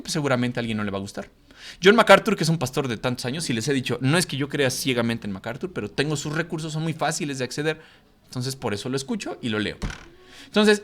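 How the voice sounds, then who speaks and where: A man's voice: on the high side, fairly bright tone. A man teaching a Bible class as a pastor, emphatic and scolding, full of rhetorical questions. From Mexico. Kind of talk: sermon-style Bible lesson.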